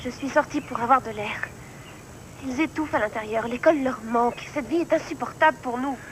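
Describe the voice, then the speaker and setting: A woman's voice: high-pitched, brisk, lightly acted, poor audio. An actress playing a weary but defiant mother protecting her children, plaintive, in film dialogue. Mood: weary, pleading. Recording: film soundtrack with faint noise.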